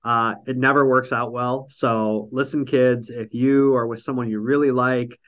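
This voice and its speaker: A man's voice: mid-range voice, flat delivery, moderate pace, fairly bright tone, lo-fi sound. A man with a nasal voice, hosting a casual podcast chat over an online call, rambling through a recap with lots of ums and dry jokes. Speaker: podcast host recapping a reality show.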